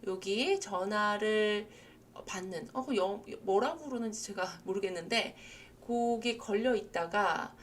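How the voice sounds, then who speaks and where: A woman with a Korean accent gives a recorded English lesson aimed at older learners. She speaks very slowly and patiently, drawing out each explanation and leading repeat-after-me drills. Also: medium pitch, slight background noise. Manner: patient, drawn-out explanations, leads repetition drills. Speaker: English teacher. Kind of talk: slow recorded language lesson for seniors.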